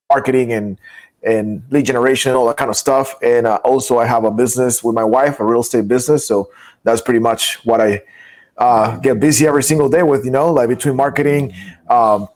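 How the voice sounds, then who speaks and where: A young man from Guatemala, a podcast guest, chatting casually, often laughing and repeating words as he starts sentences. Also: mid-range voice. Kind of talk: casual chat.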